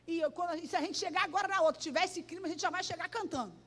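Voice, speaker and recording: A Brazilian woman pastor with a Rio de Janeiro accent, preaching a sermon full of lively personal stories, acting out dialogue and breaking into song. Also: very high voice, racing. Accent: Rio de Janeiro Portuguese. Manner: animated storytelling, acts out dialogue, sings bits. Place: church hall. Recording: church hall reverb.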